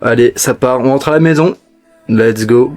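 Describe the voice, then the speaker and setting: A man's voice: mid-range voice, moderate pace, darkish tone, soft background music. A young man talking casually to camera as a content creator, cheeky and crudely joking.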